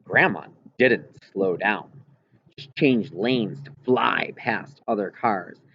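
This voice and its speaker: Reading slowly in a lowish voice, a man narrates a scripted first-person story for an audiobook. The recording, made at home, is muffled and clearly noisy.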